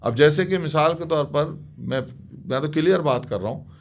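A man's voice: a little high, normal speed. Emphatic man, a poet talking shop. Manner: opinionated and emphatic, rising as he presses a point; informal, says "yaar" often. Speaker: guest poet. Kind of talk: casual conversation on a podcast.

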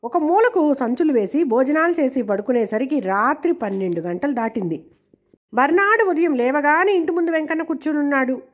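A woman storyteller reads out a serialized novel in a steady, measured way. Her voice sits high. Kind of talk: scripted narration of a serialized novel.

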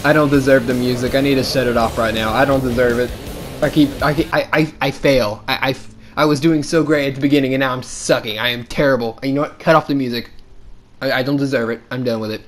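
A young man giving excitable, casual commentary as he plays a game, talking to himself and his viewers. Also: mid-range voice, fast, faint music behind. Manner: excitable, talks to himself and viewers, shouts when he falls. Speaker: gaming video host.

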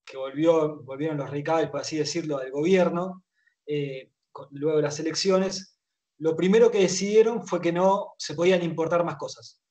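A man in his thirties with an Argentine accent, speaking over a headset on a video call. His voice sits a little high for a man. He explains at length and checks in with his listener as he goes. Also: fairly even intonation, normal speed, warm tone. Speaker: guest author. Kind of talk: casual video-call interview. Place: home room with toy shelves.

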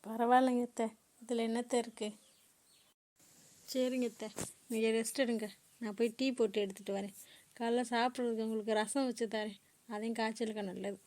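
A woman voicing a caring young daughter-in-law in a home-made cartoon, gentle and polite. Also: on the high side, flat delivery, brisk, pauses often, close to an everyday voice. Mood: reassuring.

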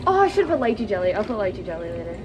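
A woman's voice: medium pitch, very animated, racing, heavy background noise. A young adult woman chatting casually and playfully for a vlog, with giggly asides and exclamations. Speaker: vlogger. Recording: music behind the voice. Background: music.

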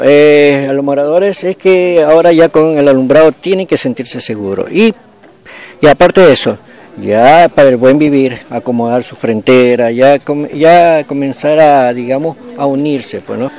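A man with an Ecuadorian Spanish accent, a community leader giving an impromptu speech at a local event, halting and often tagging his sentences with a questioning "right?". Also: medium pitch, darkish tone. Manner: halting, repeats "pues, ¿no?".

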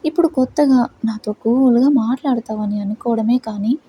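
A woman's voice: a little high, moderate pace, dull audio, a little hiss or hum, natural voice. A woman voicing a brooding, possessive young male boss who mutters and sulks. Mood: sulky. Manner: muttering, sulky.

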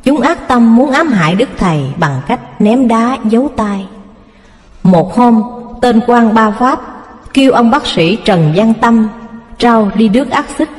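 A woman's voice: fairly high pitch, expressive, a little slow, a little mellow, in a large hall. A woman narrating a story expressively, reading out the characters' lines. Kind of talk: scripted narration.

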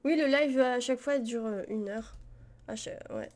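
A woman's voice: on the high side, moderate pace, a little mellow. A young woman live-streaming reaction commentary, talking casually and rambling, with many fillers and frequent laughs. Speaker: streamer reacting to parody videos.

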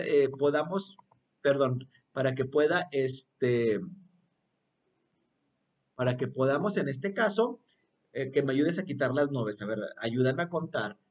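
Male children's teacher, slightly high voice, slow and coaxing, recorded from a distance. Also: highs cut off. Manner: cheerful, coaxing, asks children to repeat words. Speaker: English teacher. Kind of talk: online lesson for young children.

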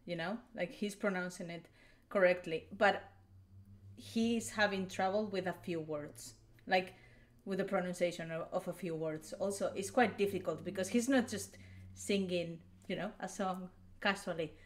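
A woman's voice: lowish voice, fairly even intonation, normal speed. A young woman from Spain with a Spanish accent, chatting casually as a reaction video host and explaining pronunciation with restarts and small laughs. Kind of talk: casual commentary.

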